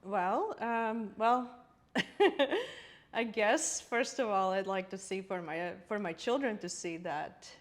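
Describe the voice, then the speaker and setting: Woman guest, measured and reflective, quick to laugh, mid-pitched voice. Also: lively intonation. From Latvia. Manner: thoughtful, searching for words, laughs often. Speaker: interior designer guest. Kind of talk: podcast interview.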